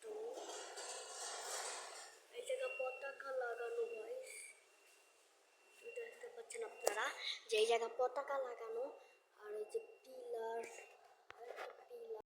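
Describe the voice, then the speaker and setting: A fairly high-voiced woman gives a casual, hushed vlog tour on a handheld phone. Her voice echoes off the bare walls of a garage under a home building. Steady loud noise sits behind her words. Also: unhurried, pauses often. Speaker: student vlogger.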